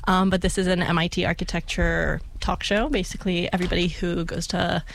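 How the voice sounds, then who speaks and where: A woman's voice: fairly low pitch, flat delivery, fairly quick, gravelly, slight background noise. A young woman co-hosting a casual college radio talk show, chatty and hesitant with fillers. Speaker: co-host.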